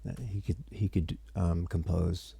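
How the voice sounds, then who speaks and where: A tired man gives a casual music theory lesson to livestream viewers. His voice is very low, dark and heavily gravelly, a little husky, and the sound is dry. He rambles and stops himself mid-sentence. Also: fairly even intonation, a little slow, dry recording. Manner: rambling, self-interrupting, chatty with viewers.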